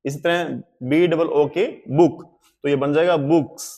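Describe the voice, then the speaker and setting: A male teacher giving a classroom-style language lesson, spelling words letter by letter and explaining slowly and deliberately. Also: fairly high pitch, fairly even intonation, dark tone.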